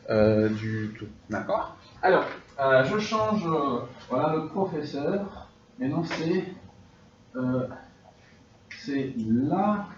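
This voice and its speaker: A man teaches a class at an unhurried pace, drilling students and checking in with them often. He is heard from across an echoey classroom. The recording is dull and carries steady background noise. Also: medium pitch, recorded from a distance. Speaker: French teacher. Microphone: distant room mic.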